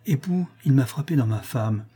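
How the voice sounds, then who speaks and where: A man's voice: mid-range voice, expressive, normal speed, dark tone, breathy edge. A man voicing a grieving, melancholy prince in an audiobook reading, speaking solemnly and sorrowfully. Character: grieving middle-aged prince, noble and melancholy.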